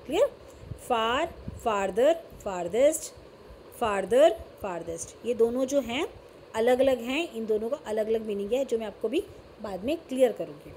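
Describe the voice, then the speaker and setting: A woman's voice: on the high side, expressive, normal speed, darkish tone, a little hiss or hum. A woman with an Indian English accent teaching a grammar lesson, mixing Hindi and English and often checking whether her students have understood.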